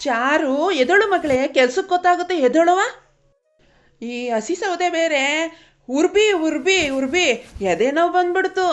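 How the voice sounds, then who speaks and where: A woman as an overworked widowed village mother, high voice, harsh, scolding, faint music behind. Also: moderate pace. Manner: scolding, rough, tearful. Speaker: actor. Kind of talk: short film drama.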